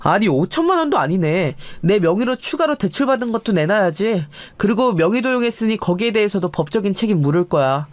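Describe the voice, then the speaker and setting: A woman voicing a fed-up husband who speaks coldly and deliberately. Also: mid-range voice, dry recording, lightly acted. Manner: flat, cold, deliberate. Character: cold, fed-up husband in his thirties. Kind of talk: storybook narration with dialogue.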